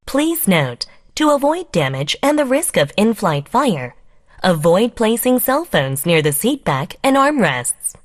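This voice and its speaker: A woman reading a scripted plane cabin safety announcement in a formal, measured way, as a flight attendant. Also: mid-range voice, sing-song.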